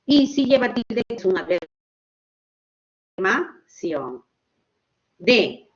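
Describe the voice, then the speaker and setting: A woman teaching a grammar lesson online, explaining slowly and checking in with her students. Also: a little high, big pitch swings, lo-fi sound. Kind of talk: online class lecture.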